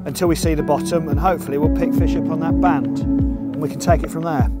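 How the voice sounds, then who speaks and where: A middle-aged competition angler presents a fishing film from an open boat on a lake, offering casual, matter-of-fact instruction. His fairly high voice is steady and quick, with loud music behind it plus outdoor water and boat noise.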